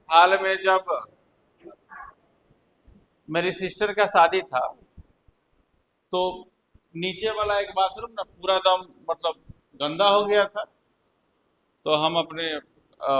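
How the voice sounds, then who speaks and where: High-voiced, slow-talking teacher. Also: male voice, steady tone, fairly bright tone, slight background noise, low-quality recording. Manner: repeats key points and quizzes students. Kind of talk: classroom lecture.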